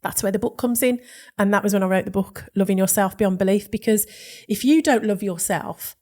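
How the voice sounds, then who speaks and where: Podcast guest, woman, Brummie accent, animated storyteller, mid-range voice. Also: medium pitch, fairly quick. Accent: Birmingham. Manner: lively storytelling, acting out quoted dialogue. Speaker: guest, brand and vision specialist. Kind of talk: podcast interview.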